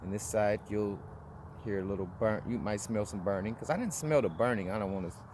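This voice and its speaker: Rambling man in his forties, low-pitched. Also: fairly quick, a little mellow, a little hiss or hum. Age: 40s. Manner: rambling, with frequent restarts and fillers. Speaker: vlogger. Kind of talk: casual personal review.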